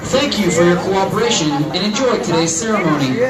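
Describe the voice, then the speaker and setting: A ceremony announcer giving a formal, polite public address over the intercom loudspeaker, heard from the bleachers of an outdoor parade ground. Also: mid-range voice, lively intonation, fairly quick, recorded from a distance. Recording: echoey loudspeaker heard from afar over crowd. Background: loud crowd chatter.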